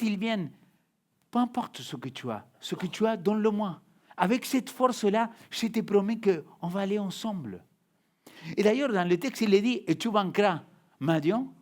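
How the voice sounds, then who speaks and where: Emphatic pastor with a non-native French accent. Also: male voice, sits high. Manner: emphatic, varies loud and hushed, repeats words. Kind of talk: sermon.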